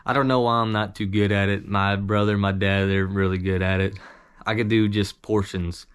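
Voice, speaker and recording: Low-pitched man giving a casual tutorial. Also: flat delivery, clear, resonant tone. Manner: informal, modest, halting. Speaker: amateur hunter giving a tutorial. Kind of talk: casual instructional talk with demonstrations.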